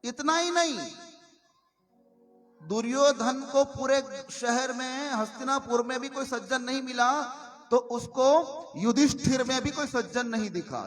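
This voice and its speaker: A male religious preacher giving a devotional sermon, measured and emphatic, repeating his key phrases as he tells stories. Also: very high voice. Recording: reverberant hall with faint music.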